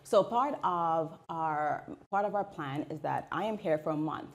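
A woman's voice: sits low, unhurried, dull audio. A woman in her forties, an education researcher, speaking animatedly as a guest in a television studio interview. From Bahamas. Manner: animated, gestures while talking, acts out quoted voices. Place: small indoor TV studio.

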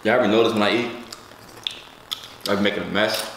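Man, low voice, mid-bite chatter, playful mukbang co-host, very echoey room. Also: steady tone, brisk, gravelly, noisy background. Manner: playful, teasing banter. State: talking while chewing. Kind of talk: casual mukbang chat to viewers.

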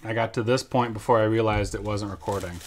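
A man's voice: on the low side, fairly even intonation, fast, slight background noise. A father in his thirties chatting casually and joking with his son while opening trading card packs at home. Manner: playful, jokey, silly sing-song bits. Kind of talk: casual family unboxing chat.

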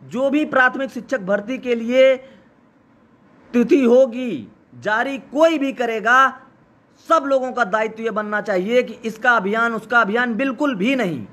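A man speaking live as a protest organizer, urgently urging listeners to join, his voice hoarse from days of shouting. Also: very high-pitched, unhurried. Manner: urgent, exhorting, repetitive. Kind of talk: live rallying speech. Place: outdoor protest site.

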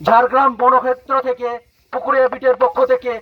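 A man reading a formal public warning from the forest department, heard through a megaphone loudspeaker. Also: extremely high pitch, completely flat delivery, quick pace, lo-fi sound.

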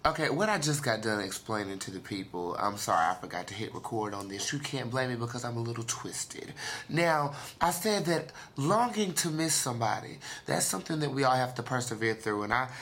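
A man's voice: mid-range voice, fairly bright tone, a little hiss or hum. Rambling, jokey man hosting. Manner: rambling and jokey, with puns and asides. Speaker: radio and video host. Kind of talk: casual motivational radio talk.

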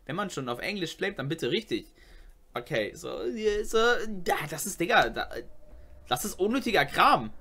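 A man's voice: a little high, sing-song, normal speed, bright, forceful tone, husky. A young man giving casual, slangy commentary on game chat logs as a gaming YouTuber, exclaiming often.

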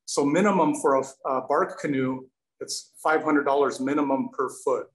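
Speaking at a normal speed with medium pitch and fairly even intonation, this presenter in his forties builds canoes and fields audience questions casually. He comes across as earnest and grateful, with some restarts. His webcam picks him up on a video call from a windowed indoor workshop, and the sound is roomy with echo.

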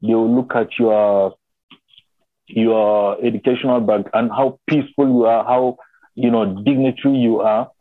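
A man's voice: medium pitch, fairly even intonation, unhurried, dry recording. A young man from Nigeria on a video call, explaining his tribe's customs thoughtfully and often asking if he is understood. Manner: thoughtful, repeats phrases and asks "you understand?". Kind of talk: casual video call discussion. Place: small indoor room. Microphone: laptop webcam on video call. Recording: tinny phone-line sound.

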